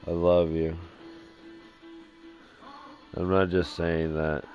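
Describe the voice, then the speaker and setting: A man live-streaming a game from his dim living room, rambling in a sleepy, drowsy monotone. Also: low-pitched. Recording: dull lo-fi stream audio with faint music.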